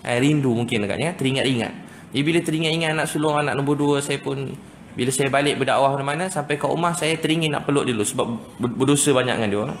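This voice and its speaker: A man's voice: mid-range voice, racing. A man with a Malaysian Malay accent preaching, telling family stories and acting out the voices of parents and children. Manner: storytelling, acts out family voices. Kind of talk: sermon with anecdotes. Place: mosque lecture hall. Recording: echoey hall with faint noise.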